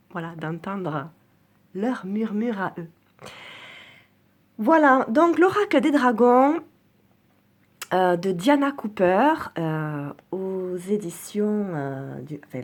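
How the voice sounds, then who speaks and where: French woman, low-pitched, hesitant and earnest, casual presenter, lots of fillers. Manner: hesitant, many fillers and restarts; soft, earnest, enthusiastic. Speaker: oracle card reviewer. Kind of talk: casual spoken product presentation.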